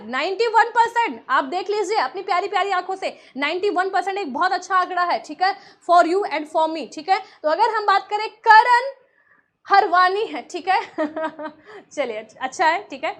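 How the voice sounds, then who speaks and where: A woman's voice: very high voice, lively intonation, normal speed. A woman teaching a live online science class for exam students, chatty and encouraging, often repeating herself.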